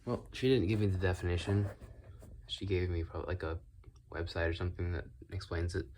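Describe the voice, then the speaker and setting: A man speaks in a deep, low register with noticeable whistling on his s sounds. He talks casually on his own, thinking aloud and wandering from one thought to another. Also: steady tone, fairly quick, a little mellow, slight background noise. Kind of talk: casual rambling solo monologue. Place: indoors in own room.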